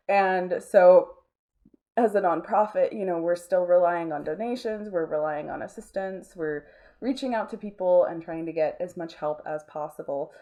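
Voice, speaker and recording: Lowish and mellow, this woman's voice belongs to an interview guest who co-founded a nonprofit arts space. Her talk is casual and chatty, peppered with filler phrases like "like" and "you know".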